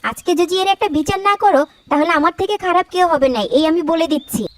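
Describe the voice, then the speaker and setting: A scolding cartoon mom. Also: female voice, very high voice, fast, no room sound. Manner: scolding and sharp. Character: stern, quick-tempered mother of a young boy. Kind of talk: cartoon voice acting.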